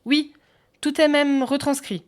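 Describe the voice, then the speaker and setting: A woman voicing a cheeky, eager young male assistant who talks quickly and chattily. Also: high-pitched, fairly even intonation, pitched above the performer's own voice. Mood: chatty.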